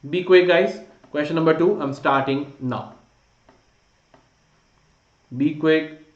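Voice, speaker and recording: An Indian man with a fairly high voice runs a live online lesson. He speaks informally, urging students on and slipping Hindi phrases into English. The sound is slightly dull, with a strong room echo. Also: slow pace. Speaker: online maths teacher. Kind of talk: live online class quiz, teaching. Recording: dull, roomy, echoey sound.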